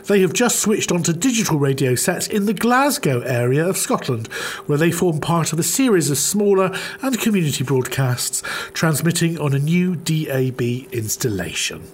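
A man reading out a scripted news bulletin on a radio show, with a formal, measured delivery. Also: fairly high pitch, expressive, slightly rough. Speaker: news presenter.

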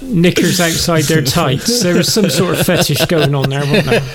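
A woman's voice: low voice, animated, moderate pace, a crowd in the background. A woman co-hosting a radio show in casual, teasing studio banter. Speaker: co-host. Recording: music playing loudly behind.

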